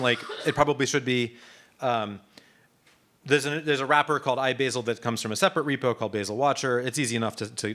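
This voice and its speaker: Male instructor, mid-pitched, casual live-demo delivery with fillers and restarts. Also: fairly bright tone. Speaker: workshop instructor. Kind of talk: live coding workshop.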